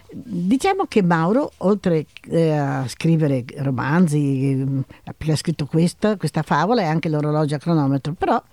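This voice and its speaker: A woman's voice: sits low, mellow, no echo. A woman hosting a radio talk show, chatting with her guests in a friendly, hesitant way. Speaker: radio host. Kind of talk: casual on-air interview.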